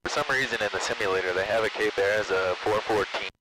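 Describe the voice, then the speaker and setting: A man's voice: lowish voice, steady tone, fast. A man training as a pilot, making clipped radio calls and cockpit remarks with some hesitation over an aviation headset. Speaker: student pilot. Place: small propeller plane cockpit. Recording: noisy cockpit intercom and radio audio.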